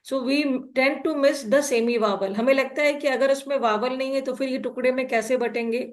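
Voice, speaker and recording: A woman teacher with an Indian English accent, slowly explaining phonics to a class step by step and quizzing the students. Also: high-pitched, fairly even intonation. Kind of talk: classroom lesson mixing Hindi and English.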